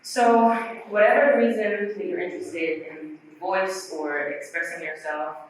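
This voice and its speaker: Woman vocal teacher, workshop talk with demonstrations, slightly low voice, heard from afar in a very reverberant hall. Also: steady tone, unhurried, slight background noise. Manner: explanatory, demonstrates breathy and glottal sounds. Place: conference hall. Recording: very echoey hall from far off.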